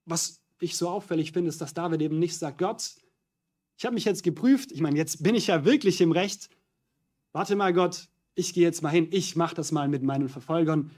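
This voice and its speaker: A man preaching a sermon on a psalm, earnest and steady, slowing right down whenever he quotes a prayer. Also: a little high.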